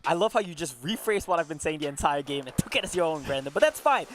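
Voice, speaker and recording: A man's voice: fairly high pitch, quick pace, music in the background. A man commentating on an esports desk with bantering analysis, playful and sardonic, saying his "th" sounds as "t". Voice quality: speech quirk, "th" sounds said as "t".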